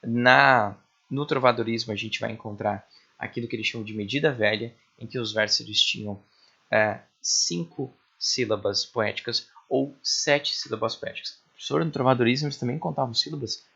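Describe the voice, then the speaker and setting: A man's voice: lowish voice, creaky, pushed and bright, breathy edge, highs cut off. A male literature teacher with a Brazilian accent, giving a recorded lesson to students, stretching syllables and often checking in with "né?" and "certo?". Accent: Brazilian Portuguese. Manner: drawn-out stressed syllables, frequent "né?" and "certo?" checks.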